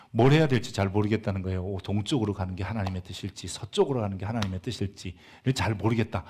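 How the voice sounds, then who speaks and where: A man preaching a church sermon. He moves between loud, emphatic passages and quiet, hushed asides, and mixes in humorous everyday stories. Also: fairly low pitch, slightly rough. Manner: tells humorous everyday anecdotes. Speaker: pastor.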